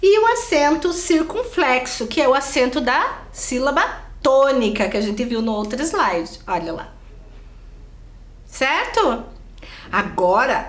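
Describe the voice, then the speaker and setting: A woman's voice: high-pitched, echoey room. A woman with a Brazilian accent, giving a recorded video lesson to children and checking in with them often. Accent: Brazilian Portuguese. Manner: talks straight to the pupils and checks in often. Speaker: teacher.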